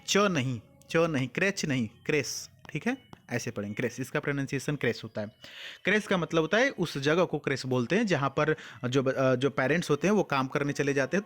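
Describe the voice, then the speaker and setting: A man teaching an English exam-prep lesson, asking questions and answering them himself, reading English sentences out slowly word by word. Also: on the high side. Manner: mixes English words into Hindi explanation.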